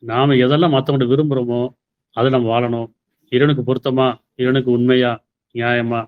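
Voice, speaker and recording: A man's voice: medium pitch, muffled recording. A man giving a sermon, explaining scripture verses and asking rhetorical questions. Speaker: preacher.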